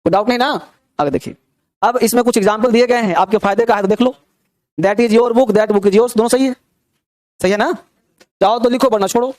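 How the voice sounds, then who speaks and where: A man's voice: high-pitched, normal speed, pauses often, a little mellow, no room sound. A young man teaching a grammar class, drilling pronunciation and checking in with his students. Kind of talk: classroom lecture.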